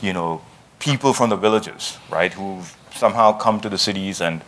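A man interviewing a guest before an audience, hesitant and halting as he carefully builds long questions. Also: low voice, fairly bright tone, a little hiss or hum. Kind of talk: conversational discussion before an audience.

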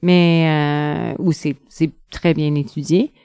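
A middle-aged researcher answers interview questions in a low, smooth, resonant voice. She speaks hesitantly, with frequent pauses and fillers. The sound is close and dry. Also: flat delivery, dark tone, dry recording. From northern Ontario.

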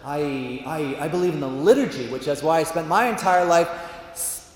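A man's voice: fairly high pitch, natural voice. A man doing an earnest stammering monk. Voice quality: stammering, rushed. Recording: echoey hall with faint ambience.

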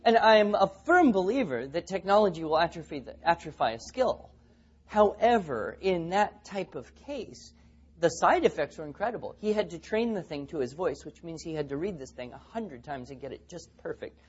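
A man's voice: on the high side, big pitch swings, moderate pace, slightly rough, lo-fi sound. A man speaking at a teaching seminar, telling stories and acting out the quotes. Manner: storytelling, acts out quotes. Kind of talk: seminar talk with anecdotes.

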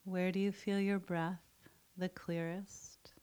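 A woman guides a mindfulness meditation in a soft, soothing voice. She speaks very slowly and leaves long pauses between phrases. Her voice sits a little low. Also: little pitch movement, smooth.

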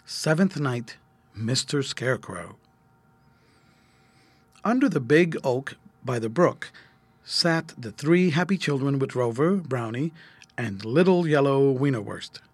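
Husky, lively storybook narrator man. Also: medium pitch, takes it slowly, long pauses, dry recording. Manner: expressive, lively read-aloud.

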